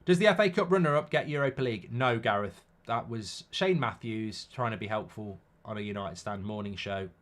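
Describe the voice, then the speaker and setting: A British man with a slightly croaky, congested voice hosts a live football watchalong, mixing casual commentary with blunt, jokey replies to the chat. His voice is on the low side and a bit bright, and he speaks briskly with hardly any pauses.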